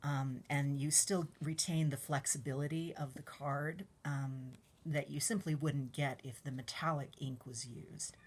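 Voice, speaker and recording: A young woman casually reviewing a tarot deck, soft-spoken and a little breathless, often trailing into whispers with many ums. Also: low voice, fairly even intonation, a little slow, hardly any pauses, breathy edge.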